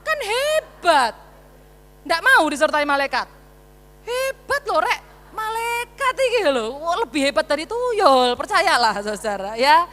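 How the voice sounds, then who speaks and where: A woman preacher, giving an animated, playful sermon with interjections. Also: high-pitched, measured pace, in a large hall. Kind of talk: lively sermon. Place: church.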